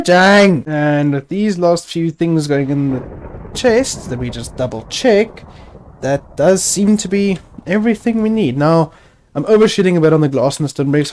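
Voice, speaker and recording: A man's voice: fairly high pitch, dark tone. A man hosting a gaming video, giving casual gameplay commentary, chatty and self-narrating with wry asides.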